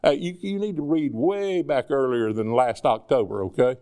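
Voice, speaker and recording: A man preaching a sermon in a conversational, animated way, asking the congregation rhetorical questions. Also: mid-range voice, moderate pace, clear, resonant tone.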